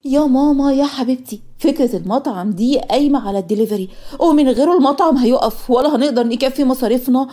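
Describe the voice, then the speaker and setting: Woman doing a lively young Egyptian student. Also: high voice, fast. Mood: spirited.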